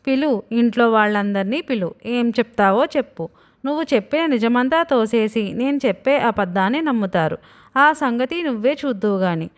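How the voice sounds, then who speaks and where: A woman's voice: on the high side, animated, normal speed, lightly acted. A cheeky storybook son who now wears his father's grown body and turns the tables on him. He lectures and taunts with defiant glee. A woman narrator reads him in her own slightly raised voice. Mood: mocking.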